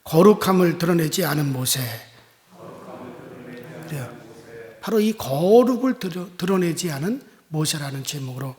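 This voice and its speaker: A pastor preaching a sermon, emphatic, with rhetorical asides to the congregation. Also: male voice, on the high side, expressive, a little slow, pauses often, a little mellow. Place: church sanctuary. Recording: long church reverb.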